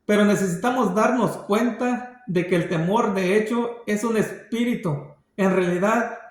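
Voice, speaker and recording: A man preaching a sermon, speaking in a slow, halting way that often repeats words. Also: sits high, echoey room.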